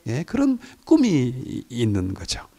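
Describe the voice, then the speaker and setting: A middle-aged male pastor preaching a sermon in an earnest way, his voice rising to emphatic peaks and then dropping soft. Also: medium pitch, wildly swooping pitch, slow pace.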